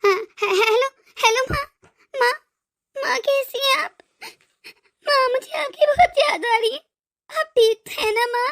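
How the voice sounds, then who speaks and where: A woman's voice: very high voice, a little slow, pauses often, a bit bright, heavily acted. A woman voicing an emotional young wife and devoted daughter in a cartoon story, often stammering over her words. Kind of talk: cartoon voice acting.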